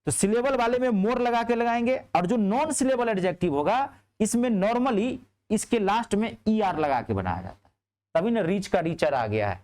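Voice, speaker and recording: A man teaching a grammar class in speech, asking his students checking questions and answering them himself. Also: moderate pace. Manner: lively, rising on questions and dropping low on answers.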